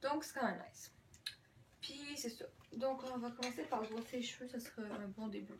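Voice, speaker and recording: Québécoise girl vlogging a product demo, chatty and rambly, kinda high voice, mic a bit far off with faint hiss behind. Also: normal speed. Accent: Québécois French. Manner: chatty, lots of hesitations, drops English words. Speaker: beauty vlogger. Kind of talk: casual product demo vlog. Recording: distant mic, faint room noise.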